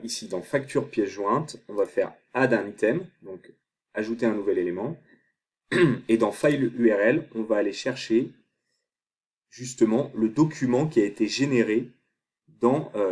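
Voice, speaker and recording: A man explaining a software tutorial step by step, thinking aloud as he clicks through screens. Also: on the low side. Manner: thinks aloud while clicking, many fillers. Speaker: online tutor.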